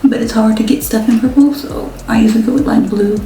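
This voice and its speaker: A woman's voice: a little high, quick pace, warm tone, faint music behind. Chatty young woman vlogging in an echoey room. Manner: chatty, slangy, addresses viewers directly. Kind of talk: casual chat. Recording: echoey room, mic at a distance.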